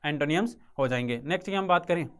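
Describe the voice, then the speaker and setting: Fairly high-pitched and clean in tone, this teacher moves at a quick pace through an English vocabulary lesson for exam candidates. He has a Rajasthani Hindi accent, says each word more than once, and answers his own questions. A close mic captures him in a classroom or studio with a writing board.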